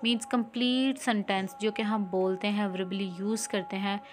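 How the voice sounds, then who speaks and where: A woman's voice: medium pitch, steady tone, a little hiss or hum. Pakistani woman teaching exam answers. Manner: reads English slowly, explains in Hindi-Urdu with English terms. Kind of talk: exam-prep lesson explaining answers.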